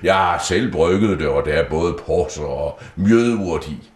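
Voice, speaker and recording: A man's voice: sits low, echoey room, close to an everyday voice. Man voicing a fussing, welcoming old bog woman, storybook reading. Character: poor, warm-hearted old bog woman.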